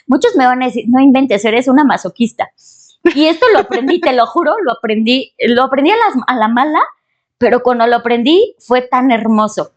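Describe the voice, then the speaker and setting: Animated, high-voiced Mexican woman guest. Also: a little fast, highs cut off. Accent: Mexican Spanish. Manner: expressive and emphatic, with exclamations and repetitions. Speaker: guest, spiritual channeler and holistic therapist. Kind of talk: animated podcast interview.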